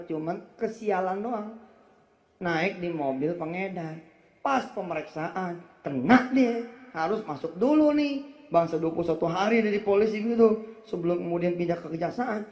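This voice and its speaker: A man giving a lively, jokey sermon in slangy talk, acting out the people he quotes. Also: high voice, normal speed. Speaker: preacher. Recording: roomy, dull lo-fi recording.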